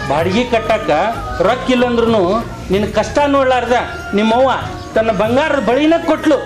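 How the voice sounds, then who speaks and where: A man's voice: very high-pitched, normal speed, music in the background, poor audio. An actor playing a village man who lectures a son on respecting his mother. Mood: admonishing. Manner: preachy, admonishing.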